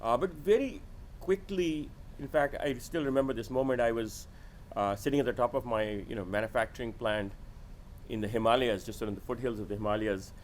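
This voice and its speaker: Briskly and in a mid-range voice, the middle-aged venture capitalist recounts his life as a podcast guest, candid and self-deprecating in a conversational way. He was born in India and grew up in Sudan and Nigeria. Slight background noise is audible.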